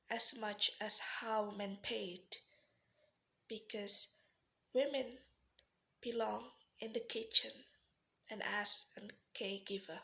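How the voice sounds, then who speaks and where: A young woman from Indonesia with an Indonesian accent, giving a rehearsed formal speech as a student in earnest, pausing style with slips and restarts. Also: mid-range voice, vocal fry, pushed and bright. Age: young adult.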